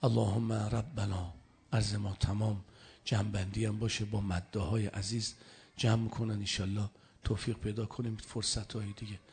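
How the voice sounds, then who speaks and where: A man's voice: lowish voice, level tone, darkish tone, slight background noise. A man giving a sermon, telling a scripture story and quoting Arabic verses between plain talk. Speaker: preacher.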